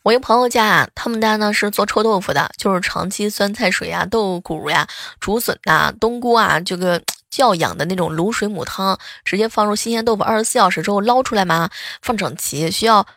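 A woman's voice: mid-range voice, brisk, hardly any pauses, a bit bright, dry recording, studio quality, faint music behind. A woman host telling playful, chatty funny anecdotes. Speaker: radio-style host. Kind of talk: humorous anecdote storytelling.

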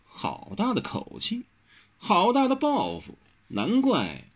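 A proud young woman of a feared clan, voiced by a male reader speaks coolly and cuttingly. Her voice is husky, and its pitch jumps widely. It is a storybook reading of a martial-arts tale. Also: huge pitch swings, a little slow, a bit bright, heavily acted. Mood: scornful. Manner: cool and cutting.

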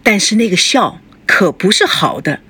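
A woman narrating a novel aloud in an expressive storytelling manner. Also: medium pitch, moderate pace, breathy edge, dry recording. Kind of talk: audiobook novel reading.

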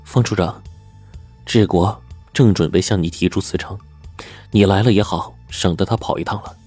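A man voicing a sharp, clever young wife. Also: low-pitched, normal speed, husky, faint music behind. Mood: cold. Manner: cool, pointed delivery.

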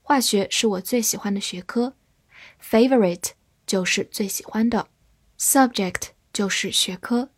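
Slow, breathy-voiced woman teaching vocabulary. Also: medium pitch, no echo, clean studio sound. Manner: slow, deliberate reading for repetition. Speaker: English teacher. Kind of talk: vocabulary lesson.

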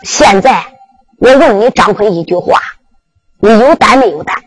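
A woman's voice: medium pitch, expressive, normal speed, husky, no room sound, soft background music, voice pushed down, poor audio. A woman storyteller with a Henan accent voicing a stern, commanding old prince in a Henan zhuizi performance. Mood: approving.

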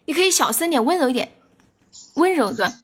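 A woman hosting a livestream voice chat game, lively and teasing. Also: sits high, a little fast, background noise. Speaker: livestream host.

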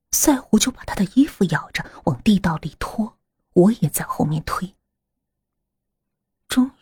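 Female horror storyteller, hushed and breathy, lively pitch swings, close and dry. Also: dry recording. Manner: hushed, breathy, often whispering.

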